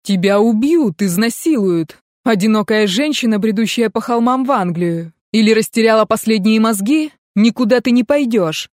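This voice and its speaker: A woman's voice: medium pitch, normal speed, no echo, clean studio sound, close to an everyday voice. Woman reading a hot-tempered, stubborn laird. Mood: angry. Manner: forceful, raised, commanding. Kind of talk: audiobook character reading.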